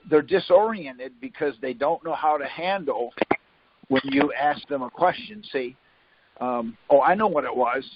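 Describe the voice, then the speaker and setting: This man's voice is on the high side, heard over a noisy background through muffled phone-call audio. He's hosting a conference call, explaining things casually while rambling, self-correcting, and repeatedly saying "see?" and "um".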